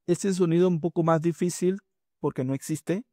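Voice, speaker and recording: A man teaching pronunciation in a spoken lesson, slowly drawing out and repeating vowel sounds for learners. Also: a little high, steady tone, mellow, no echo, studio quality. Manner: slow, drawn-out demonstrations of vowel sounds.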